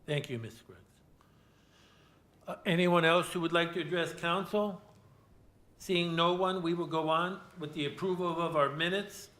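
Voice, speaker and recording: A man's voice: on the high side, fairly even intonation, moderate pace, long pauses, sharp tone. An American man formally chairing a council meeting and running through procedure. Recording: echoey meeting room.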